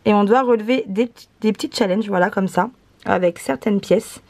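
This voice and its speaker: A woman's voice: medium pitch, normal speed. Chatty woman presenting toys with many fillers. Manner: relaxed, many hesitation fillers, laughs often. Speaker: vlog host, mother presenting gifts. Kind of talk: casual unboxing chat.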